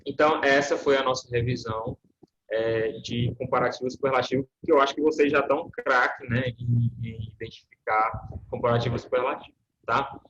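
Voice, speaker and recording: A man's voice: mid-range voice, steady tone, a little fast, fairly bright tone, dull audio. Man teaching an online class. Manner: patient, checks in with frequent "né?" and "tá?". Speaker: English teacher.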